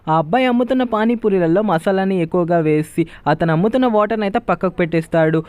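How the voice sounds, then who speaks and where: A man narrating a short story video, retelling the scene quickly and voicing each person's lines in quotes. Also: high-pitched, darkish tone, clean tone, no echo. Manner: fast retelling that voices the dialogue in quotes.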